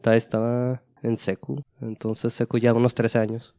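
A man's voice: medium pitch, monotone, normal speed, mellow. A man, a craft brewer and podcast guest, telling stories in a laid-back way. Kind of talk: casual podcast chat.

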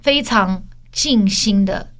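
A woman's voice: mid-range voice, slow, fairly bright tone. A woman raised overseas, speaking Mandarin with an American tinge and mixing in English, chatting animatedly as a podcast co-host. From overseas-raised Chinese. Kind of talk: casual chat.

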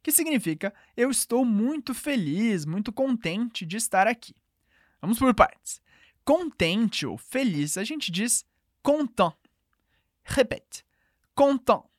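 A woman teaching a language lesson, clear and patient, slowing down to model each phrase. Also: fairly high pitch, very animated, no echo, studio quality. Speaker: French teacher.

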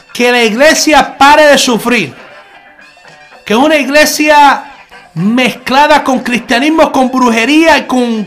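A man's voice: extremely high pitch, fairly bright tone. A man giving a conversational online sermon as a Messianic preacher, earnest, repeating key phrases and calling the listener brother.

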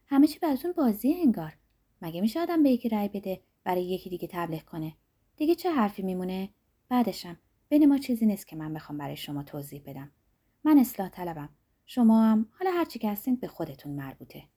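A woman reading the lines of a proud, angry young female student who speaks loudly and accusingly. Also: medium pitch, very animated, husky. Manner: loud, sharp and accusing.

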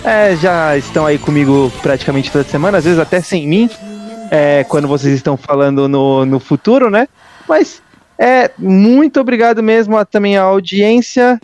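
A Brazilian man speaks as a podcast host in a rather high male voice. He is conversational and informal, often ending phrases with little tag questions. Faint music runs behind him. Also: moderate pace, darkish tone. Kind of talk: casual podcast hosting. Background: background music.

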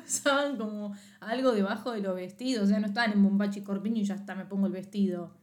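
A woman's voice: mid-range voice, fast talker, darkish tone. A woman with a Rioplatense Spanish accent, co-hosting a podcast in casual chat and often laughing through her words. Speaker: podcast co-host.

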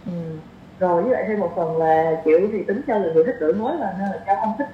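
A woman guest on a podcast chats casually about her opinions, talking very fast in a mid-range voice and often repeating phrases for emphasis. The sound is dull and lo-fi, with roomy echo and faint noise.

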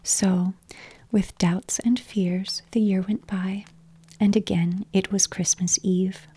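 A woman reading a storybook aloud in a slow, hushed whispered storytelling style. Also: mid-range voice, level tone, slightly rough.

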